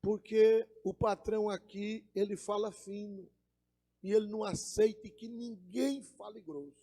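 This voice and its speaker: A man voicing a male farm gatekeeper with a thin, high falsetto in a joke, in an echoey hall. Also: fairly even intonation, a little slow, warm tone. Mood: polite.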